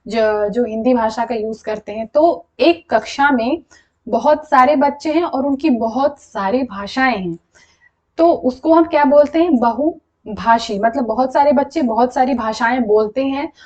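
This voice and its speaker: Young female teacher, bright higher voice, patient explainer, muffled lo-fi recording. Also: moderate pace. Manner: explanatory, repeats "thik hai" to check in. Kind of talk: exam-prep lesson.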